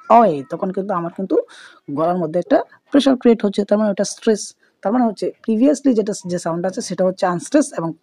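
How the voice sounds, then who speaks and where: A woman teaches a literature class with a mellow, warm tone. She explains patiently, goes back over each point, and slips English terms into her speech. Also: medium pitch, no room sound. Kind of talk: explanatory lecture.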